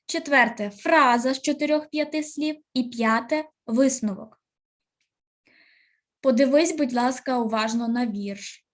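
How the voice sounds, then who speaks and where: A woman teacher, giving a recorded literature lesson with slow, clear instructions and pauses. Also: high voice.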